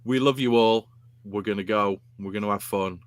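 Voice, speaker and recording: A man's voice: on the low side, fairly even intonation, normal speed. A man hosting a podcast live, signing off in a boisterous, rambling, sweary way. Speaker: podcast host. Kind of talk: casual chat, sweary sign-off.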